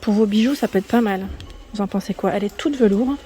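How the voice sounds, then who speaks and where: A woman's voice: medium pitch, fast, warm tone. A woman chatting casually through a shopping vlog inside a store, friendly and full of fillers. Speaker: vlogger.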